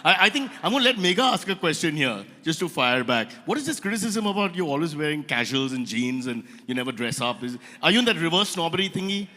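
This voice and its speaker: Indian male comic host, bright higher voice, teasing live roast banter, echoey hall. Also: sing-song. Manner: teasing rapid banter with crowd asides. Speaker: comedian host. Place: event hall stage. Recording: reverberant event hall.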